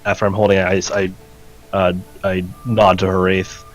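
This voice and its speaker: A man's voice: low-pitched, flat delivery, moderate pace, soft background music. A man playing a tabletop role-playing game, describing his moves casually and stammering as he repeats words.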